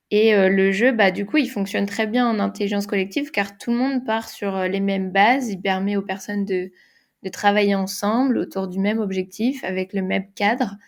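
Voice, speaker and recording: A woman who designs games for workshops, answering interview questions in French, thinking aloud with frequent fillers and restarts. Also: medium pitch. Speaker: game designer and facilitator.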